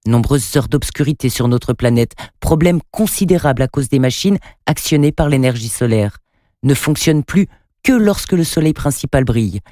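A man's voice: medium pitch, lively intonation, normal speed, warm tone, dry recording, studio quality, natural voice. A man doing an earnest young boy. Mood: hesitant. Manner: hesitant reading aloud.

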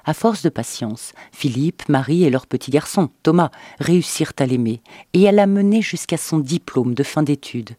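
A man reading a novel aloud as narrator in an expressive, dramatic audiobook style. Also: a little high, normal speed, few pauses, no room sound.

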